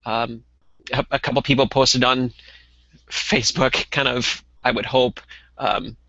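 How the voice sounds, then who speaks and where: A man's voice: mid-range voice, fairly even intonation, unhurried, bright, forceful tone, dry recording, dull audio. A man co-hosting a casual podcast over a call, chatting loosely with lots of ums and restarts. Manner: conversational, many ums and restarts. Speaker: podcast co-host.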